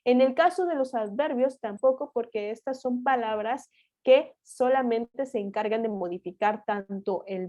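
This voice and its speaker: A woman's voice: on the high side, mellow. A woman tutor with a Mexican Spanish accent, explaining exam answers in a step-by-step grammar lesson, asking herself rhetorical questions.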